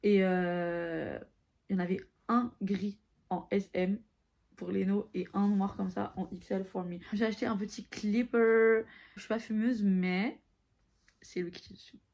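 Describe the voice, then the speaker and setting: A woman's voice: mid-range voice, steady tone, a little slow, gravelly, a little mellow. A woman in her early twenties chatting casually to camera, tired and mixing English phrases into her talk. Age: early 20s. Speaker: vlogger.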